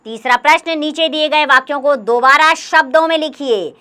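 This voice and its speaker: A woman's voice: sits high, normal speed, pushed and bright. A young woman teacher patiently explaining a grammar workbook to children, counting aloud and encouraging them.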